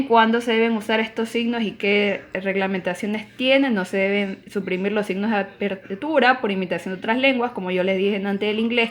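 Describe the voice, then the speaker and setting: A woman teacher giving a recorded online class, explaining rules in an emphatic, explanatory way. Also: mid-range voice.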